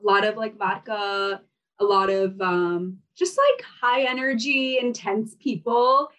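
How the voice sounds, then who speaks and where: A young woman from Kazakhstan whose first language is Russian chats as a guest in a casual interview about her fashion brand, which she founded. Her mid-range, fairly bright voice takes things slowly, full of fillers and laughs, and she sits far from the mic.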